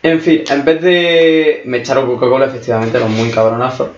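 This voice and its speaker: A young man in casual chat, relaxed and joking, swearing often. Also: mid-range voice, a little fast. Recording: echoey room, dull lo-fi sound.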